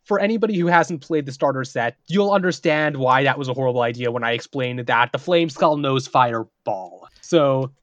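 Animated man telling game stories. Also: mid-range voice, moderate pace, hardly any pauses, no room sound, lo-fi sound. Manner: animated, acts out characters while telling stories. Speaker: podcast co-host and game master. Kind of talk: casual podcast storytelling.

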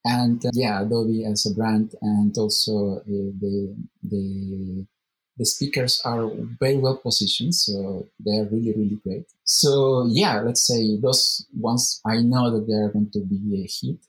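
A man's voice: fairly low pitch, fairly even intonation, unhurried, low-quality recording. A man who organizes a meetup, answering interview questions in a thoughtful, searching way and often repeating words as he finds his phrasing. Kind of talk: casual interview conversation.

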